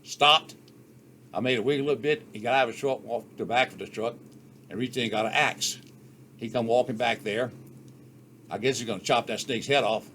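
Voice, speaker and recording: An older man spins childhood yarns in a relaxed, folksy way. His voice sits in a middle pitch, with faint ambient noise behind him. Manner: folksy, unhurried yarn-spinning with rural Southern US speech. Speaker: storyteller. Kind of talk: casual storytelling.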